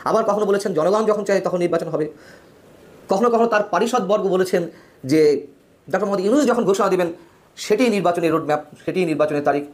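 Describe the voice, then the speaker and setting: A man giving opinionated political news commentary, emphatic, with his pitch swinging widely between phrases. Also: fast talker.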